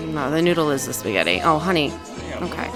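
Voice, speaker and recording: A woman's voice: deep voice, fast talker, faint music behind. Emphatic young woman arguing a point. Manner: emphatic, argumentative, lively. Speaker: student guest. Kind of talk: casual chat.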